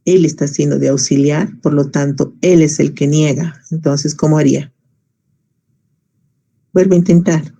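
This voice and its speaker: A man's voice: fairly high pitch, steady tone, moderate pace, gravelly, long pauses, mellow, highs cut off. A man teaching an English grammar class in Spanish, explaining patiently step by step and quizzing his students.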